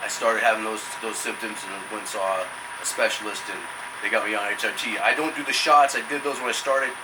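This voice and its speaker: A man's voice: fairly low pitch, brisk. A man in his fifties chatting casually and rambling as he sits in ice cold water, his voice a little strained by the cold. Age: 50s. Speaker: product reviewer. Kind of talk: casual vlog chat. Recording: distant mic, loud steady machinery hum.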